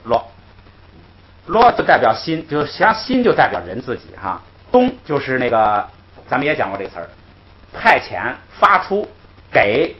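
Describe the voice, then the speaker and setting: A male teacher speaks at a middling pitch, explaining patiently and circling back over each point small chuckles. The recording sounds dull and lo-fi, a faint hiss underneath. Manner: patient, repetitive, punctuates with "hey" and soft chuckles. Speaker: Tibetan grammar teacher. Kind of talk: explanatory classroom lecture.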